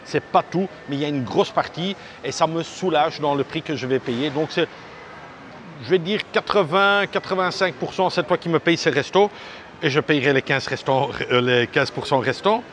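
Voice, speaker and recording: A man's voice: on the high side, moderate pace, a bit bright. A man talking casually as a travel vlogger, chatty and direct, rambling with lots of fillers and restarts. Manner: chatty and direct, addressing viewers. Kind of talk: casual walking vlog talk. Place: outdoors on a busy seaside street. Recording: street and traffic noise behind.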